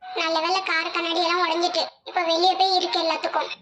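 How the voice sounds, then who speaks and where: A woman's voice: extremely high pitch, level tone, fast talker, noisy background. A woman voicing a scatterbrained, talkative woman in a cartoon, speaking with a Tirunelveli Tamil accent. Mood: grumbling.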